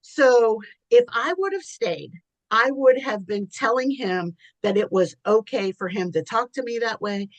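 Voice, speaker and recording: A woman's voice: fairly high pitch, lively intonation, unhurried, dry recording, rough recording. A woman co-hosting a podcast, telling a personal story in candid casual chat, often laughing. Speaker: podcast co-host.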